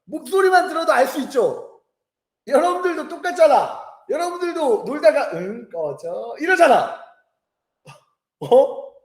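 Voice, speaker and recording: A man in his thirties teaching a lecture, telling stories lively, joking with students and acting out voices. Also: extremely high pitch, normal speed, pauses often, echoey room. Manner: lively storytelling, acts out voices, jokes with students. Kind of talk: animated classroom lecture. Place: classroom.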